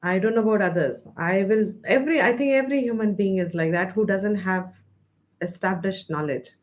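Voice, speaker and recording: A woman with an Indian accent teaching a scripture study class, explaining patiently, slowing down to stress key terms and mixing Hindi phrases into her English. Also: mid-range voice. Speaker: Vedanta teacher.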